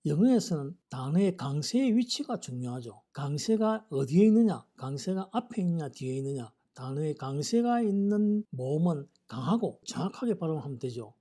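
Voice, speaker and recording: A man teaching English vocabulary in a lecture, reading English example sentences slowly and carefully. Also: sits high, dark tone. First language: Korean.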